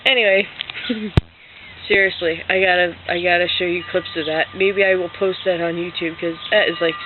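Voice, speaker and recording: A woman's voice: fairly low pitch, steady tone, normal speed, noisy background. Chatty young woman on tinny webcam audio. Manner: chatty, rambling, many "like"s. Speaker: vlogger. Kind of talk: casual storytelling.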